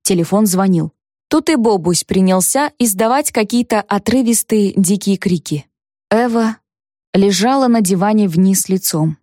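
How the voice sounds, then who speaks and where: A woman narrating a detective novel in the first person, with measured, even storytelling. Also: medium pitch, dry recording, studio quality. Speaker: audiobook narrator.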